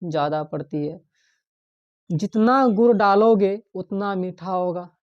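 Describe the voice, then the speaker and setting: A woman teaches an exam-prep grammar lesson at an unhurried, deliberate pace, posing questions to her students and saying each key term twice. Her voice sits in a middle register. The recording is dull and lo-fi. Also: medium pitch, darkish tone. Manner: asks the class questions and repeats key terms.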